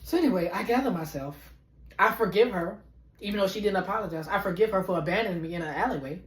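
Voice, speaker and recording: A man's voice: sits high, fast talker. A man in his late twenties hosting a podcast, telling a profane storytime and acting out every character. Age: late 20s. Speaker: podcast host. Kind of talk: storytime monologue. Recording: roomy echo.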